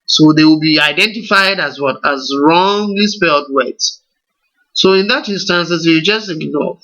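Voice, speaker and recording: In a screen-recorded software tutorial, a man with a Ghanaian English accent guides learners slowly and deliberately, step by step, posing rhetorical questions. His voice is a little high with a sharp tone, and the audio is dull.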